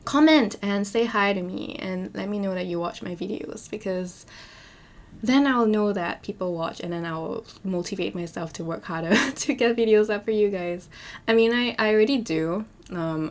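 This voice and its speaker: A young woman with a hoarse voice, chatting and rambling as a voiceover for her game building video, full of fillers and restarts. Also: lowish voice, normal speed. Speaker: Sims speed-build YouTuber.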